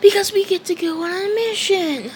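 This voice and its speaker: A woman voicing a loud, excitable young male hero who yells shrilly. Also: slow, slight background noise, heavily acted. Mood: excited. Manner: shrill yelling.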